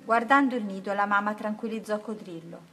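Gentle woman reading a picture book. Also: medium pitch, a little fast, soft background music. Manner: gentle, rhythmic, rhyming delivery. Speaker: storyteller. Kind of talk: children's picture-book read-aloud.

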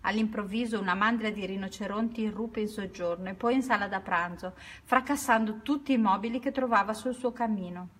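A woman reads a children's story aloud in a mid-range voice. Her delivery is steady and unhurried, with small self-corrections along the way. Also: medium pitch, husky.

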